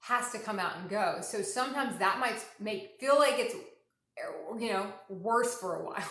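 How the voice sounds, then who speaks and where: A middle-aged woman talks casually and frankly about spiritual growth, swearing freely and circling back to repeat her points. Her voice sits at an ordinary middle pitch. The recording has a roomy, echoing sound. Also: a little slow, fairly bright tone. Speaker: spiritual intuition coach. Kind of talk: casual spiritual talk to camera. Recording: roomy echo.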